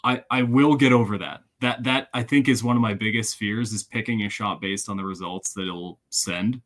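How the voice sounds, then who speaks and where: A man's voice: on the low side, normal speed, fairly bright tone. A man from Ohio hosting a casual golf podcast, rambling and self-deprecating. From Ohio, USA. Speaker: podcast host.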